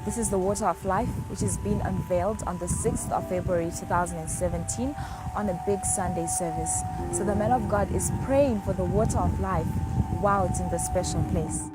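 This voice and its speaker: A woman guiding viewers through a church prayer site, narrating in a steady, reverent, explanatory way. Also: medium pitch, brisk. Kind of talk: documentary narration. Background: music.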